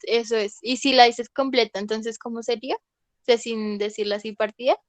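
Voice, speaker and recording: A woman teaching an online class, her voice a little high. She explains step by step and keeps checking that her students follow. The sound is dry and close, with no room around it. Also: fairly even intonation, normal speed, no room sound. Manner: patient, repeats "¿listo?" to check understanding. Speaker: English teacher.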